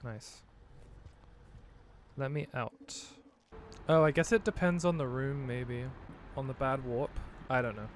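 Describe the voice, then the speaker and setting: A man's voice: medium pitch, slow pace, pauses often, a little hiss or hum. A man giving let's play commentary, thinking aloud in a hesitant way and easily startled. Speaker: gamer.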